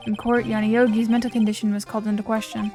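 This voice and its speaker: A woman voicing a composed young male prosecutor haunted by guilt, reading game lines in a quiet, low-key confessional way. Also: flat delivery, fast talker, soft background music, natural voice. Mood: somber. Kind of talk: reading game dialogue aloud.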